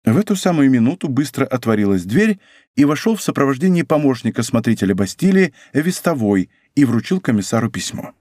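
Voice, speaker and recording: A man with a medium-pitched voice narrates an audiobook from a script, his storytelling measured and expressive. The sound is clean studio quality with no echo.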